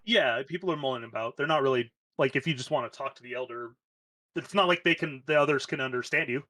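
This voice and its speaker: A man's voice: medium pitch, fast talker, bright, forceful tone, no room sound. A man narrating as game master in a loose, casual way with lots of fillers.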